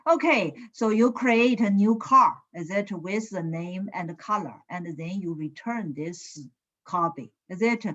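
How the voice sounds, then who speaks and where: A woman lecturing in an online class, heard through a screen recording. She talks slowly, often checks "is it?" and fills gaps with "uh". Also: mid-range voice, fairly bright tone, highs cut off. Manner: slow, with frequent "is it?" checks and "uh" fillers. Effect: screen-recorded online lecture audio. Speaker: computer science lecturer. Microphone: computer mic on a video call.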